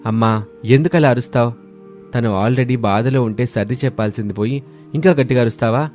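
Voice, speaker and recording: Man voicing caring young husband, mid-pitched, earnest, cartoon story. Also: a little fast, a little mellow, soft background music, lightly acted. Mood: pleading.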